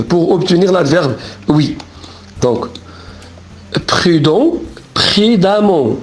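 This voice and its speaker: A man teaching a French grammar lesson, spelling out word endings letter by letter and pausing to correct himself. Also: fairly high pitch, darkish tone. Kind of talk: grammar lesson explaining rules.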